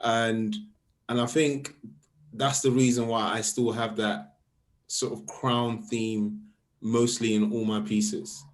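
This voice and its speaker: A young man from Sweden, a guest artist talking about his work in a casual interview, halting and repeating words as he explains. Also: mid-range voice, little pitch movement.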